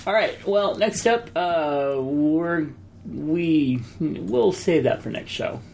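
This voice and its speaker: A man's voice: a little high, animated, slow, creaky, a little mellow, a little hiss or hum. A man in his thirties co-hosting a podcast, chatting casually and reading listener mail in a rambling way. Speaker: podcast co-host. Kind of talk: casual chat.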